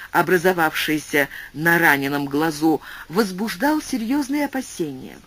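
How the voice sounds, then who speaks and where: Reading a classic story aloud, this male narrator sounds high for a man and swoops expressively, his pitch moving in broad, lively arcs. He changes pace freely through the telling, and a little hiss or hum is audible.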